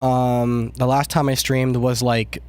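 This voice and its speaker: A sick man rambles through a casual live stream. He talks around a cough drop in his mouth and clears his throat often. He swears freely and puts himself down. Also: medium pitch, little pitch movement, takes it slowly, darkish tone, dry recording. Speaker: music producer streaming.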